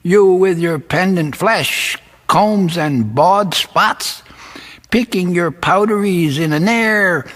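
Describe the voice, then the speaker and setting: An actor playing a scrawny, ancient wizard who rants with sneering scorn in an audio drama. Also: male voice, high voice, takes it slowly, fairly bright tone, heavily acted. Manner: sneering, ranting. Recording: long echoing reverb.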